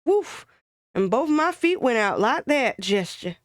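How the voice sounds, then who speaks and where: A woman's voice: on the high side, big pitch swings, a little slow, dry recording, studio quality. A woman doing a gabby old-timey shopgirl. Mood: gossipy. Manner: gabby, colloquial, exaggerated storytelling. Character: chatty working-class young woman, comic, dramatic. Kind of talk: old-timey comic monologue reading.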